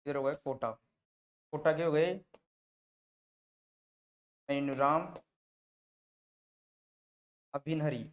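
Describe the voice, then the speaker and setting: A man's voice: fairly high pitch, steady tone, drawn-out words, long pauses. A male teacher giving an exam-prep lesson, repeating names and quizzing the class with memory tricks. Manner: drills mnemonics with repeated questions and answers, shifting loudness.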